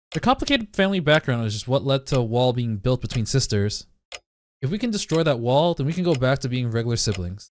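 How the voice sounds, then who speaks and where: A man's voice: mid-range voice, slight background noise. A man reading a visual novel aloud as narration, breaking off now and then to joke about it. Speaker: let's play reader.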